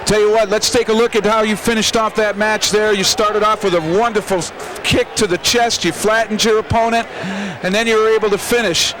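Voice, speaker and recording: High-voiced male fight analyst over arena noise. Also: level tone, a little fast, few pauses. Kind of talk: live sports analysis. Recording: noisy arena with crowd behind.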